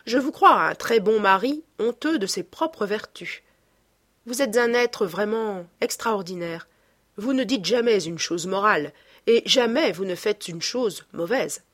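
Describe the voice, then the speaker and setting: A woman's voice: mid-range voice, lively intonation, measured pace, fairly bright tone. A woman reading aloud as a young male painter, earnest and emphatic, guarding a secret.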